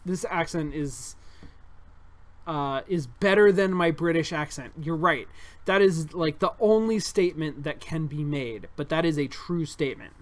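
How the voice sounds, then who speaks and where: A man's voice: a little high, a little slow. A man streaming a board game live, chatting in a rambling way with mumbled asides that trail off. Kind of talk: casual live-stream chat.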